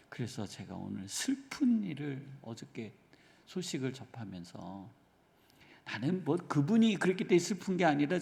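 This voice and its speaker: A man's voice: mid-range voice, gravelly. A male pastor giving an early-morning sermon, earnestly asking his congregation rhetorical questions. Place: church sanctuary. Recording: reverberant church hall.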